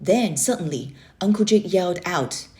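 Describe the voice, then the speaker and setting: Une femme qui lit à voix haute un livre pour enfants, avec une lecture expressive et animée. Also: female voice, fairly low pitch, normal speed. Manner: expressive, animated reading with dramatic swells. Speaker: children's book reader. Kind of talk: read-aloud storytelling.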